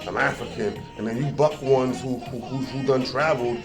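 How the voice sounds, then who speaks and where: A man's voice: medium pitch, steady tone, normal speed, music in the background. A man giving a casual, rambling monologue, often repeating words and building to emphatic points.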